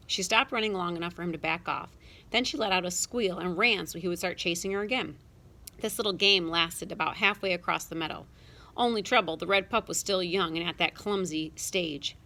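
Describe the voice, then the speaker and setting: A woman narrating a children's storybook with a lively, expressive reading. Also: lowish voice. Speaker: audiobook narrator.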